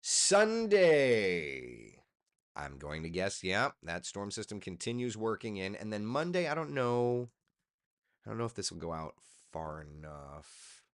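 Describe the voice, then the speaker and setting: A tired TV weatherman hosts a live chat on a stream, chatting casually as he walks through forecast maps. His voice sits on the low side and is very animated, at a moderate pace. He's loose and chatty, talking to himself while he works.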